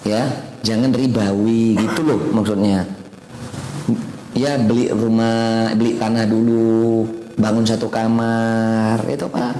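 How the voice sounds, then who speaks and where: At a home study gathering, an ustadz gives an informal sermon to his weekly study circle, chatting and often quizzing his listeners. His voice is lowish and warm, slow, with little pitch movement. The room is echoey with long reverb and faint noise.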